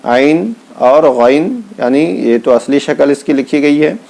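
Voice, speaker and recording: A man teaching Quran letter reading. He calls out each Arabic letter slowly and then explains patiently, with speech. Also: on the high side, expressive, creaky, darkish tone. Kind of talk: slow step-by-step lesson.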